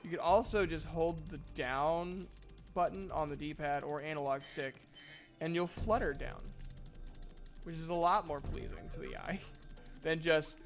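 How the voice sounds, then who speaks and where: A young man streaming a game and chatting over it in a rambling, jokey way, his voice sitting slightly high. He leans on plenty of fillers, and faint game music plays underneath his talk. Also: a little slow. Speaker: streamer and voice actor. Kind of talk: casual gameplay commentary.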